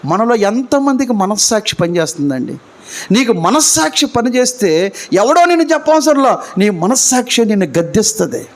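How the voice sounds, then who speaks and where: A man preaching a live church sermon, firing rhetorical questions at the congregation and swinging between loud emphatic lines and quiet low ones. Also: very animated, moderate pace.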